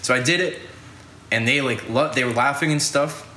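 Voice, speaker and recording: Young male podcast host, rambling and casual, bright voice in an echoey room. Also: medium pitch, moderate pace, a little hiss or hum. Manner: rambling, lots of "like" fillers and swearing. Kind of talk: casual storytelling.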